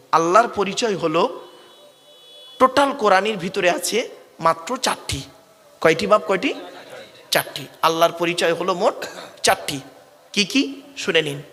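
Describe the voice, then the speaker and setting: A man's voice: high voice, big-room sound. A man preaching a Bengali waz sermon to a crowd, calling them "father", asking them to answer back and drilling correct Arabic pronunciation. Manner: calls the crowd "bap" and "baba", asks it to answer back; rhetorical questions, rising to shouted lines.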